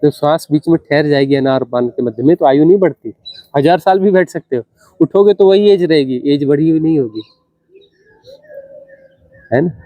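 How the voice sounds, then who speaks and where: A man, a spiritual teacher, gives an unhurried discourse, repeating phrases for emphasis and asking rhetorical questions. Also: on the high side, dry recording, muffled recording.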